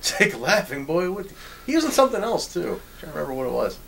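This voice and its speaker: A man's voice: sits high, big pitch swings, fast, creaky, a bit bright, a little hiss or hum. A man commenting casually on a movie, enthusiastic and reacting in short bursts. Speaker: film commentator.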